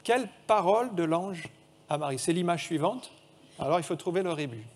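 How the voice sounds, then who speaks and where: A man's voice: on the high side, lively intonation, fairly quick. A man preaching a sermon in a church, reading scripture aloud and quizzing the children with a picture puzzle.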